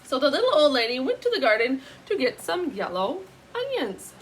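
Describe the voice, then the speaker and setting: A woman reading a picture book aloud in an animated, teacherly way, pausing to put questions to young listeners. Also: high voice, a little hiss or hum, poor audio.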